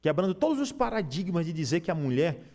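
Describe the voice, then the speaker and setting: A man's voice: on the high side, sing-song, fast talker, darkish tone. A man with a Brazilian Portuguese accent, preaching an Easter sermon as pastor and asking the congregation rhetorical questions.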